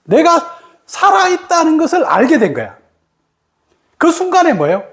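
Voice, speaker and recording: Lively middle-aged meditation teacher telling stories. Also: high voice, normal speed. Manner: animated storyteller, keeps asking rhetorical questions. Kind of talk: dharma talk to students.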